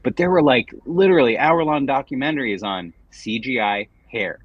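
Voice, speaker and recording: A middle-aged man co-hosting a casual gaming livestream, rambling with halting, repeated words as he chats and reads game text aloud. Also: mid-range voice, breathy edge, no room sound, lo-fi sound. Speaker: livestream co-host.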